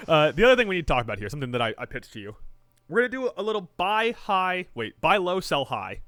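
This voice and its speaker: Animated, bright-voiced male podcast host. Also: high voice, quick pace, no room sound, studio quality. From Japan. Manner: animated, joking, trails off in restarts. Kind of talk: casual sports chat.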